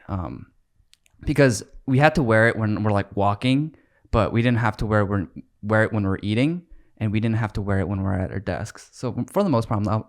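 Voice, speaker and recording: A man's voice: lowish voice, clear, resonant tone. A man in his twenties, born in Korea and raised in the United States, talking casually as a podcast guest, with frequent restarts. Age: 20s. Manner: chatty, quick restarts, laughs easily. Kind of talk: casual conversational interview.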